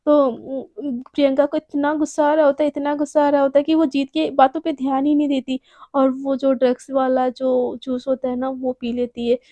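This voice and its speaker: High-voiced woman telling a story. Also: brisk, no echo. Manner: animated, with frequent restarts. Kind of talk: casual spoken storytelling.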